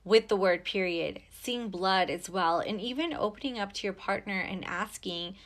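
A woman's voice: medium pitch, normal speed. A woman hosting a podcast, talking frankly and casually, swearing freely and filling her speech with "like" and "you know". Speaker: podcast host. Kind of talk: casual podcast monologue on sex and relationships.

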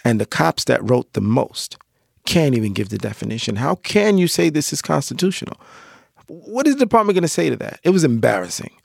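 A man's voice: medium pitch, big pitch swings, a little fast, vocal fry, breathy edge, no echo, studio quality. A young man, a police officer, giving an emphatic personal account in an interview and repeating phrases for weight. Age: young adult.

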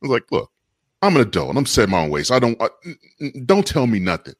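A man's voice: medium pitch, wildly swooping pitch, fast, no room sound, clean studio sound. A man on a discussion panel telling a personal story in an earnest, affirming way. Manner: earnest, affirming with "yes, sir".

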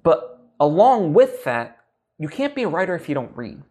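A man's voice: a little high, big pitch swings, normal speed, darkish tone. A young man hosting a podcast, explaining writing advice in a loose, rambling way with many restarts. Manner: rambling, full of fillers and restarts. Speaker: podcast host. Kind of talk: casual teaching talk.

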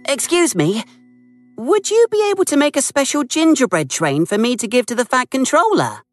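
A woman's voice: high-pitched, big pitch swings, moderate pace, faint music behind. A woman voicing an eager little tank engine. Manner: polite, eager.

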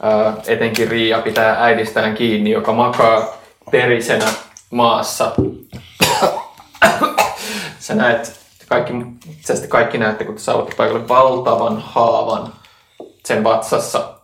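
A man running a tabletop game as game master, narrating the scene calmly with occasional filler sounds. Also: on the low side, long pauses, reverberant, slight background noise.

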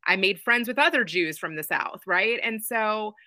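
Bright, sharp-voiced woman guest from Kentucky. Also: medium pitch, lively intonation, normal speed, no room sound. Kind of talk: casual conversation.

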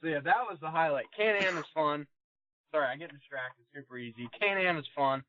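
A man's voice: on the high side, fairly quick, no room sound. Rambling young man, muffled audio. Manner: rambling, laughs often, lots of fillers. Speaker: race car driver guest. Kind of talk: casual podcast chat.

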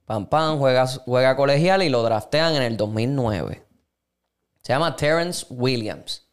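Smooth-voiced man. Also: medium pitch, lively intonation, measured pace. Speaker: podcast co-host. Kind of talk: casual chat.

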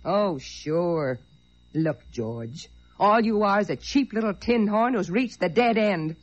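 A bitter, scornful wife. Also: female voice, mid-range voice, expressive, slow pace, faint music behind. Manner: sarcastic, cutting. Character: bitter, scornful woman fed up with her man. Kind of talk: 1940s radio acting. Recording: dull lo-fi old radio recording.

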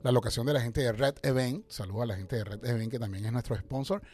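A man's voice: medium pitch, fast talker, a little mellow, breathy edge. A man hosting a sex-talk show who jokes, teases and laughs often with his co-host. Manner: jokey, teasing, laughs often.

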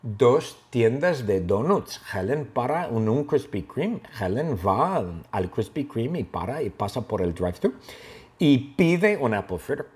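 Animated man telling a learner story. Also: medium pitch, a little slow. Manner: animated, makes gun sound effects. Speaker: language teacher.

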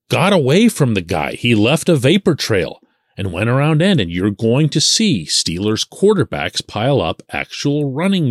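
A man in his forties from Pittsburgh, hosting a solo sports podcast and talking in an animated way, stretching the words he wants to stress. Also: medium pitch, no room sound, studio quality.

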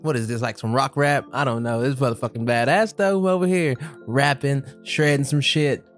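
A man's voice: medium pitch, normal speed. A man co-hosting a music review podcast with casual hype, swearing and short, laid-back interjections, often repeating phrases. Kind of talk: casual, profane hype and banter.

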